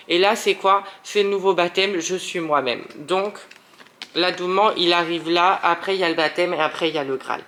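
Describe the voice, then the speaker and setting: Male tarot reader from France, casual and animated, jokes at his own expense while addressing viewers. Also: sits high. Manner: animated, self-mocking, talks straight to viewers. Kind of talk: casual monthly tarot reading.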